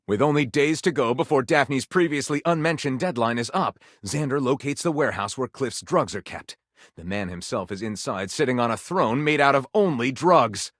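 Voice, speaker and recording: A man with a medium-pitched, fairly bright voice plays a theatrical, tongue-in-cheek narrator of pulpy detective stories in a video game, arch and relishing every dramatic twist. The sound is clean studio audio with no room tone.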